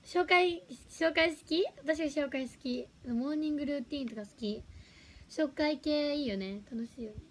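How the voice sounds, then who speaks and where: High-voiced giggly young woman. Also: moderate pace, a little mellow. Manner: giggly, chatty, reacting to viewer comments. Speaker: livestream host. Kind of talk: casual livestream chat.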